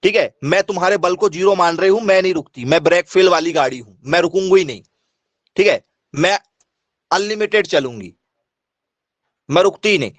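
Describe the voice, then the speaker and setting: A stubborn, defiant vehicle whose brakes have failed insists it will never stop, as a man puts it on in a lesson. The voice sits fairly high and sounds dry and close. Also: fairly quick, pauses often, no echo.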